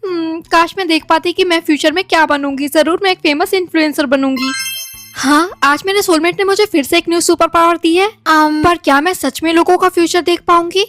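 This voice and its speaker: A woman's voice: extremely high pitch, fairly even intonation, brisk, a bit bright, faint music behind. A woman doing a giddy scheming college girl. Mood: lively. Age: young adult. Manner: chatty, dramatic self-talk. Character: excitable young female college girl, scheming. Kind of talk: comedy skit acting.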